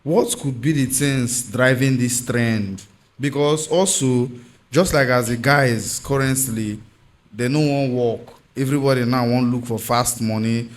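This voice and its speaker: A man's voice: mid-range voice, unhurried. A man with a Nigerian accent hosting a discussion in English mixed with Pidgin. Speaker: podcast host.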